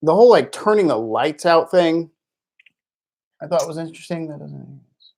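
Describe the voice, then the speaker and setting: Loose, rambling man with a higher voice. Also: lively intonation, normal speed, vocal fry, a little mellow. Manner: loose, filler-heavy, reads viewer comments. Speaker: live stream co-host. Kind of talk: casual sports chat on a live stream.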